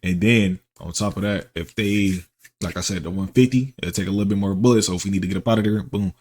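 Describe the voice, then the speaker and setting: Man, slightly low pitch, casual reaction commentary, slangy, repetitive, halting phrasing. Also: fairly even intonation, a little mellow. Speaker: gaming reaction YouTuber.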